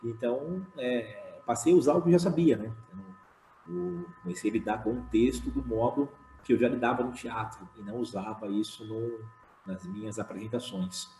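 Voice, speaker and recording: Man, slam poet on a panel, low mellow voice, chatty with fillers, echoey room with faint music. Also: moderate pace. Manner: casual, many fillers, animated when retelling. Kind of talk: online panel talk. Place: home room.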